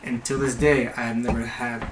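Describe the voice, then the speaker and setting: A man's voice: medium pitch, little pitch movement, normal speed. A young man telling a long, rambling, profane story in casual podcast chat. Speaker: podcast guest. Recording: echoey room with faint noise.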